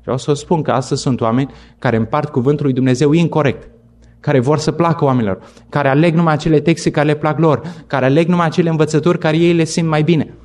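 Middle-aged male preacher, earnest sermon delivery, emphatic, slightly higher voice. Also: fairly even intonation, a little mellow. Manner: earnest, emphatic preaching that rises and falls in pitch.

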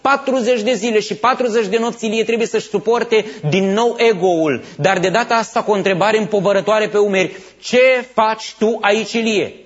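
Dramatic preacher man, hushed to loud. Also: sits high, hardly any pauses. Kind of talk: sermon. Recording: dull lo-fi sound.

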